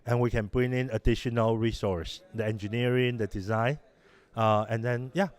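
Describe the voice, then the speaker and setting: A middle-aged man from Taiwan who directs an innovation lab gives conversational interview answers. His voice is medium-pitched and steady, but his delivery halts, with many restarts and fillers.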